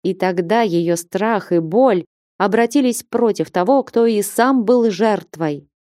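A woman's voice: mid-range voice, a little slow, mellow, no echo, studio quality. A woman reading an audiobook expressively, voicing the story with dramatic emphasis. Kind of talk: audiobook narration.

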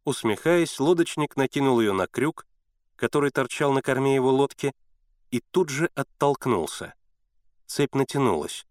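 A man reading a story aloud as an audiobook narrator, in steady scripted narration. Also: medium pitch, normal speed, no room sound, clean studio sound.

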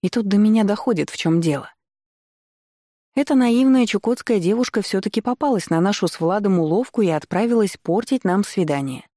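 A woman's voice: medium pitch, lively intonation, fairly quick, warm tone, no echo. A young woman narrating a first-person audiobook in a wry, mocking tone, recorded on a close studio mic.

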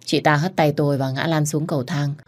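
Woman with a low voice reading a love story out loud, expressive. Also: fairly quick. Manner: expressive first-person storytelling. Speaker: audiobook narrator. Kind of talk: reading a romance story aloud.

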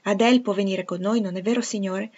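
Una giovane istitutrice fiera e appassionata, letta da una donna, che ribatte con enfasi e calore. Il suono è ovattato e la voce ha un timbro medio. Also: female voice, medium pitch, steady tone, brisk, darkish tone, lo-fi sound, close to an everyday voice. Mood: polite. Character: proud young governess, indignant and spirited.

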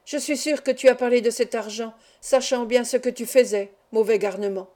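A woman reading the lines of a harsh, scheming middle-aged uncle in an audiobook, smooth in speech and menacing underneath. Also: a little high, fairly even intonation, moderate pace, warm tone, lightly acted. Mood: threatening.

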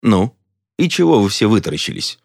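A man's voice: lowish voice, sing-song, a little fast, gravelly, a little mellow, no room sound, clean studio sound, voice pushed up, full character voice. A man voicing a grumpy older stoker who bickers and blusters. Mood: grumbling.

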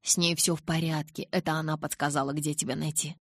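Woman doing an urgent young guy pleading, husky low voice, storybook reading. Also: little pitch movement, quick pace, no room sound, clean studio sound. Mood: tender. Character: young man, anguished, tender, desperate. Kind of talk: audiobook narration.

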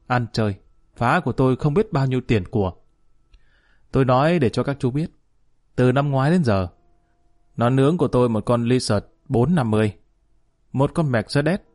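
Man voicing hard-hearted older father, cold and cutting, mid-pitched. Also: a little mellow, lightly acted.

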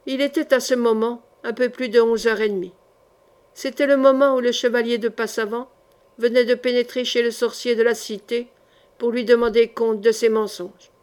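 Woman reading a historical novel aloud. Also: a little high. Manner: measured, expressive narration. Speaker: audiobook reader.

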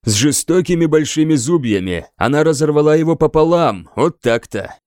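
A battle-hardened warrior grins as he relates grim details with dry amusement, voiced by a male narrator. The delivery is lively in pitch and recorded dry and close. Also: normal speed, no room sound, lightly acted. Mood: wry. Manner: dryly amused, grim humor. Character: wry grinning male warrior companion.

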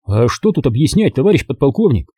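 A man's voice: medium pitch, sing-song, a little fast, dark tone, slightly rough, dry recording, studio quality. A man voicing a timid, shy young male lieutenant who answers hesitantly in a raised, sheepish voice. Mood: earnest.

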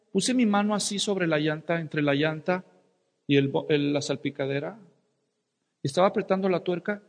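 Dramatic preacher in a reverberant hall. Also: male voice, on the high side. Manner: dramatic storyteller, shouting and whispering for effect. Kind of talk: sermon with personal story.

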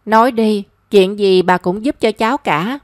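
A woman's voice: medium pitch, a little slow, no room sound, studio quality, close to an everyday voice. A woman voicing a kindly old grandmother who teases her granddaughter. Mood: teasing.

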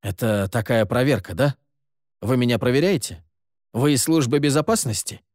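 Man voicing naive cocky prisoner, excitable, lively pitch, dry sound. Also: normal speed, no echo, natural voice. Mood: suspicious. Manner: excitable, raises his voice.

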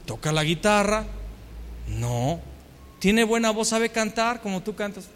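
A man's voice: sits high, unhurried, fairly bright tone, a little hiss or hum. A man doing a worried, consoling mother. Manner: soothing, reassuring questions. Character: worried, gentle mother consoling her son. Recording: long hall reverb.

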